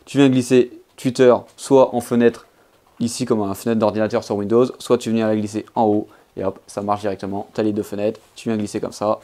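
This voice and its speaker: A man's voice: mid-range voice, darkish tone. A man giving a casual phone review, chatting informally and addressing the viewer directly with frequent fillers. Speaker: tech reviewer.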